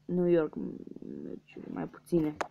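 Gravelly dude mumbling through a mobile game, slangy, dull lo-fi mic with a bit of hiss. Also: male voice, on the high side, huge pitch swings. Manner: muttering guesses, slangy, swears at losses. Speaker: gaming youtuber. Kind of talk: casual let's-play commentary.

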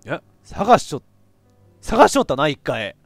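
A man with a giving excitable let's play commentary on a horror game, reacting loudly and laughing often. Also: a little high, normal speed, no echo, faint music behind. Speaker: VTuber game streamer.

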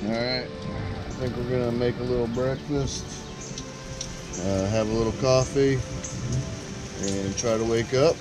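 A man's voice: mid-range voice, steady tone, measured pace, pauses often. A middle-aged man, talking casually into a handheld camera in a camper. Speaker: vlogger. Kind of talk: casual vlog narration. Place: camper and campsite in a storm. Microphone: handheld action camera. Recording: music playing underneath.

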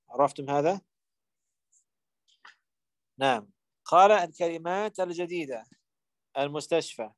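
A man's voice: a little high, no echo. A man teaching an Arabic grammar class, repeating key terms, quizzing his students and sometimes explaining in English.

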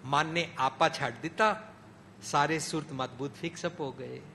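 A man preaching a sermon in a gurdwara, mixing English phrases into his talk, swinging between emphatic peaks and soft drops. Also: on the high side, steady tone, a little slow, creaky, a little hiss or hum. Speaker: Sikh preacher. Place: gurdwara hall.

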